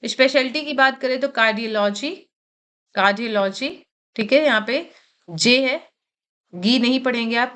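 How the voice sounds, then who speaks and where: A woman's voice: a little high, fairly bright tone. A woman teacher giving a vocabulary lecture for exam preparation. She mixes Hindi with English terms, repeats key words and asks and answers her own questions.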